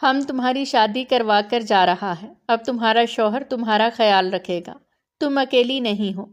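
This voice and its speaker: A woman narrator voicing a protective elder brother who speaks softly but firmly to his sister. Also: a little high, lightly acted. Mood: soothing.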